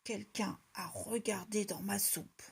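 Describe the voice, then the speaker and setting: A woman's voice: mid-range voice, steady tone, takes it slowly, gravelly, slightly rough, heavily acted. A woman voicing a big stern bear in a storybook tale. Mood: grumbling. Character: big gruff bear, head of house.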